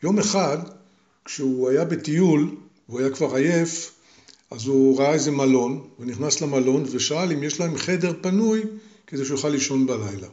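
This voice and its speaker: An older man, a grandfather, telling a story to his grandchildren slowly and with repetition. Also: on the high side, mellow, roomy sound, lo-fi sound. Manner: slow, deliberate, with repetition.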